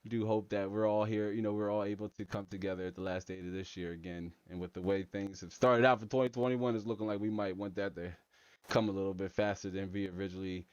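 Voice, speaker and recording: A man's voice: fairly low pitch, steady tone, fast talker, darkish tone, clear, resonant tone, no echo, lo-fi sound. An American man, a tech channel host, chatting casually through a livestream Q&A. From United States.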